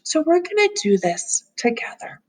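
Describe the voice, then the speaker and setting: A woman instructor leads a calm grounding exercise in a soft, slightly breathy, high-pitched voice. She speaks gently and soothingly at a moderate, unhurried pace.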